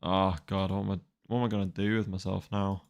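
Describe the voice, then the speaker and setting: A twenty-year-old man talks casually to his stream. His voice sits low with a gravelly edge. He rambles, sounding wry and exasperated. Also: little pitch movement, brisk. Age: 20s. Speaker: manga reaction streamer. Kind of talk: casual live-stream chat.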